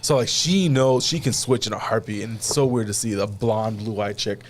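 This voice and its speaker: A man co-hosting a podcast in casual chat, animated and joking, often stumbling over his words. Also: fairly low pitch, moderate pace, a little hiss or hum. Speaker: podcast co-host.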